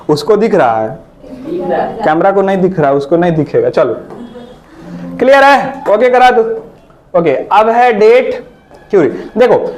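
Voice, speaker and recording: A man's voice: high-pitched, darkish tone. A man teaching a live computer class, chatty and teasing, often asking his students questions back.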